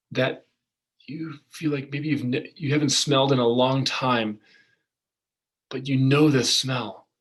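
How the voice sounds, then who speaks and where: A man preaching a storytelling sermon, soft-spoken with long pauses. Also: mid-range voice, slightly rough.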